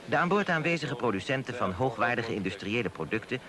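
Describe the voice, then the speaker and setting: A man giving formal, measured scripted voice-over narration for a documentary. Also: medium pitch, expressive, crowd noise. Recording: voice-over with loud music behind.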